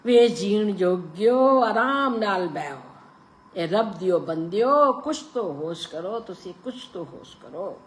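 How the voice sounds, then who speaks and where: A woman's voice: medium pitch, animated, slow pace, slight background noise, pitched above the performer's own voice. Woman doing a frail pleading old woman. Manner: pleading, fading to a whisper.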